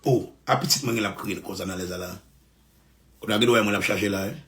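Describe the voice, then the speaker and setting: A man talking casually to fans in a repetitive, emphatic monologue that swings between loud bursts and soft asides. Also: on the low side, fast talker. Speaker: rapper addressing fans.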